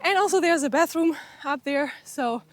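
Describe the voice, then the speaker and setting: A young woman with a high voice talks to her camera on a mountain trail, eager and a bit winded. Her English has a lilt, and soft music plays faintly underneath. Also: normal speed. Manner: enthusiastic, chatty, a little out of breath while hiking. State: out of breath. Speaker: travel vlogger. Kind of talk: outdoor travel vlog talking to camera. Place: outdoors on a mountain hike.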